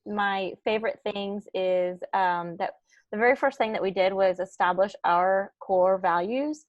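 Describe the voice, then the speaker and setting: Woman interview guest, mid-pitch, friendly, pauses often. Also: dry recording, lo-fi sound. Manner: upbeat, thinking aloud with many "um"s. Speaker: podcast co-founder guest. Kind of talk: casual interview chat.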